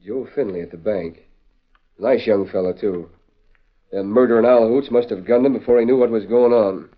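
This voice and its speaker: A man's voice: on the low side, normal speed, natural voice. A man playing a plainspoken, suspicious small-town sheriff in an old radio western, full of folksy frontier slang. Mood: grim. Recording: dull lo-fi old radio recording.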